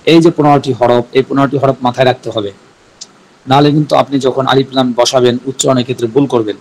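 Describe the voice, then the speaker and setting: A man with a Bangladeshi Bengali accent teaching Arabic grammar in a recorded class, patiently repeating each point slowly. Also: medium pitch, steady tone, darkish tone, rough recording.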